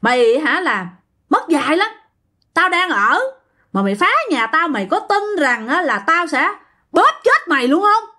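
A woman voicing a furious, rude tree spirit that has possessed a woman, snarling out shrill threats. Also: very animated, normal speed, pushed and bright, exaggerated voice.

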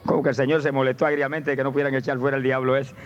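A man preaching a fervent sermon with a Puerto Rican Spanish accent, dropping to low asides and rising to high cries of praise. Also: level tone, racing. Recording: dull lo-fi tape with faint noise.

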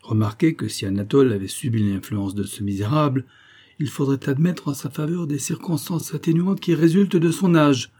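Man reading an earnest, wounded colonel; dark, husky tone. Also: mid-range voice, normal speed, voice pushed up, lightly acted.

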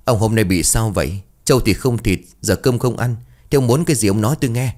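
A scolding village wife, quick to nag and quick to panic, as a deep-voiced male storyteller reads her. The voice stays low and unforced, a plain reading of a ghost story. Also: darkish tone, natural voice. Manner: nagging, then pleading. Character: irritated, frightened middle-aged wife.

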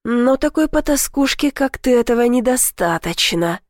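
A woman's voice: steady tone, measured pace, a little mellow, no echo, clean studio sound, lightly acted. A woman voicing a possessive young male lover. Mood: rough. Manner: low husky murmur.

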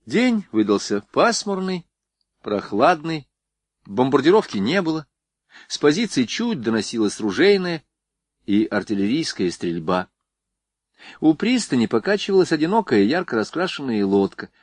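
Expressive male audiobook narrator. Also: medium pitch, normal speed, dry recording. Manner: expressive storytelling. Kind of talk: scripted narration.

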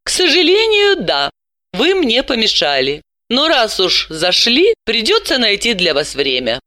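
Женщина играет язвительную женщину-психоаналитика. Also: female voice, sing-song, pushed and bright, no echo, exaggerated voice. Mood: playful. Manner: sarcastic, brisk and high-pitched. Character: sharp, ironic female psychoanalyst. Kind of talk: audiobook character voice.

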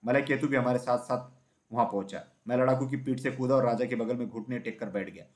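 Male storybook narrator, steady and even, mid-range voice. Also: medium pitch, quick pace. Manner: steady, even reading with small slips.

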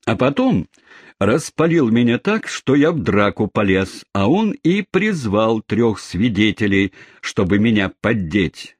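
A man voicing a rough, quarrelsome London cabman in an audiobook reading, talking in a brash, aggrieved way. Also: fairly low pitch, very animated, measured pace, dry recording, studio quality, exaggerated voice. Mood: indignant. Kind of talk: audiobook character voice.

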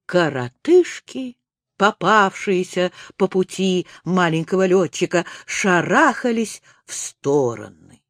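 A woman narrating a children's audiobook in a slow, expressive storytelling manner. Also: lowish voice, no echo, clean studio sound.

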